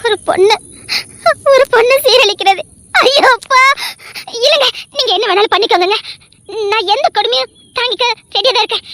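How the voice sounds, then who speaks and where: A woman's voice: extremely high pitch, brisk, pauses often, pushed and bright, full character voice. A woman voicing a fiercely devoted young wife who pleads in a tearful, vehement way. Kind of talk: dramatic audio story acting.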